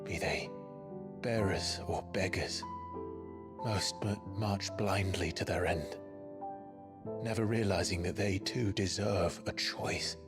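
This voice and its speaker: An actor playing a brooding, remorseful young ex-killer, measured and solemn, in a video game drama. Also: male voice, deep voice. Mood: remorseful, resolute. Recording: game audio under clear music.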